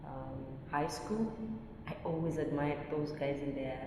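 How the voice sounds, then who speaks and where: A woman's voice: low voice, steady tone, unhurried. A woman from Zimbabwe, a PhD candidate, answering podcast interview questions earnestly with easy laughs. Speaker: guest, PhD candidate in agricultural science. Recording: echoey room, mic at a distance, noisy.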